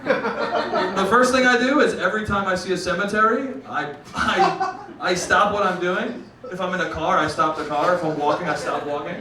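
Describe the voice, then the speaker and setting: A man's voice: high-pitched, moderate pace. A young man performing a stand-up comedy set, talking casually, swearing and calling the crowd dude and bro. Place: comedy club stage before a laughing crowd. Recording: roomy live club sound from a distance.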